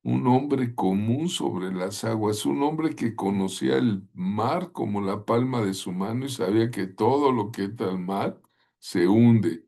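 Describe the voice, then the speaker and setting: Slow, animated male Bible teacher. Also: lowish voice, gravelly. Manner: vivid storytelling, asks listeners rhetorical questions. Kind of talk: sermon-style Bible lesson.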